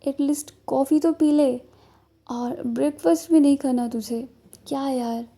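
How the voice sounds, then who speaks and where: A woman's voice: high-pitched, fairly even intonation, measured pace, warm tone. A woman voicing a bubbly, dramatic young female best friend who teases a lot, in a storybook reading. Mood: teasing, excited. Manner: dramatic, teasing.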